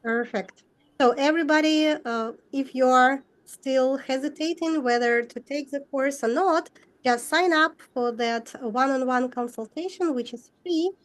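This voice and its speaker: A woman with a high voice hosts an online workshop. She addresses her listeners directly and moves things along with quick, pointed questions. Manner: direct, brisk questions to the audience. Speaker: workshop host.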